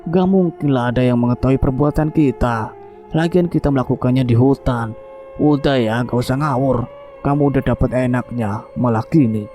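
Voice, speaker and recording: A man's voice: mid-range voice, normal speed, dark tone, faint music behind, lightly acted. A man voicing a smug, cruel middle-aged male killer who talks mockingly and chuckles dismissively.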